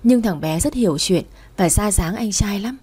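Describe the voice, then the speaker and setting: Husky-voiced woman narrating a family story. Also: medium pitch, lively intonation, moderate pace, mellow. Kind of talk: first-person story narration.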